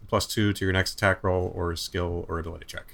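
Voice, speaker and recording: Deep-voiced man at a game table. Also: little pitch movement, quick pace, vocal fry, fairly bright tone. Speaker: player. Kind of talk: casual tabletop game play.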